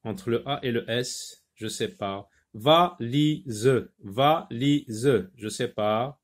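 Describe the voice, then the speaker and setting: A man teaching French phonics, repeating each word slowly with many hesitations. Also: medium pitch. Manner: slow, repeats words, many filler hesitations. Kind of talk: slow phonics lesson.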